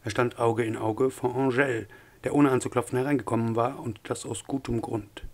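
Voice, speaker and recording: A man reading an audiobook in a measured, even narration with a husky voice. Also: mid-range voice. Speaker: audiobook reader.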